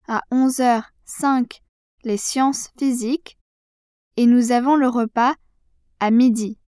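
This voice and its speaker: Woman slowly leaving a voicemail. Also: fairly high pitch, steady tone, a little mellow, clear, resonant tone, dry recording, clean studio sound. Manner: slow, carefully enunciated listing. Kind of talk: scripted voicemail for a language lesson.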